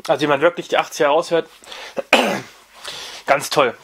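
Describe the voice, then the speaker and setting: A man's voice: on the high side, steady tone, unhurried, vocal fry, a bit bright, a little hiss or hum. A young man hosting a casual record review, talking off camera with many fillers and restarts. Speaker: vinyl review channel host.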